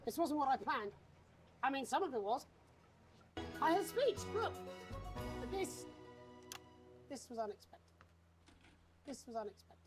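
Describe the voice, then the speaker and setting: An actor playing a bitter, unhinged TV news anchor in a video game, with a British accent and a commanding, theatrical, sardonic manner. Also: male voice, very high-pitched, very animated, a little slow, long pauses, over music, full character voice. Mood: bewildered. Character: unhinged, bitter male TV news anchor holding studio hostage. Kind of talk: dramatic live-broadcast acting.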